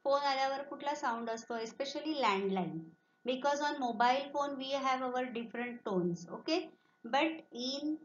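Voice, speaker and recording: Indian lady teacher, online class, higher voice, echoey muffled recording. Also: a little hiss or hum. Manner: explains in English and Marathi, imitating animal sounds. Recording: roomy, muffled lo-fi sound.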